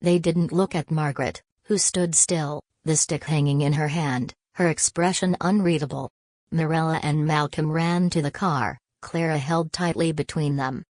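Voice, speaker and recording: A woman giving scripted narration of a family drama in a dramatic, measured way. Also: deep voice, steady tone, darkish tone, no room sound.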